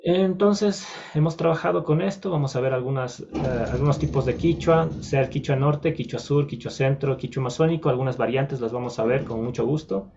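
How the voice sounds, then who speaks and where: A man's voice: medium pitch, fairly quick, gravelly, hardly any pauses, darkish tone, highs cut off. Man teaching a recorded lesson. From Ecuador. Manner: patient, explanatory, with frequent fillers and self-corrections. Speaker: language teacher.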